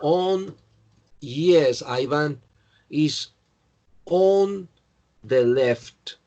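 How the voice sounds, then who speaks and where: Slow-talking teacher. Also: male voice, fairly high pitch, expressive, mellow, muffled recording. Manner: slow, patient, correcting students by name. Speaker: English teacher. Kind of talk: online class, checking answers.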